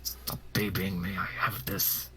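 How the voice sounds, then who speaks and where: A man's voice: sits low, level tone, a little slow, sharp tone, slight background noise. A man voicing a brash, hotheaded male cat-folk warrior who is eager for a fight. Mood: insistent. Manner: boastful, blunt, spoiling for a fight.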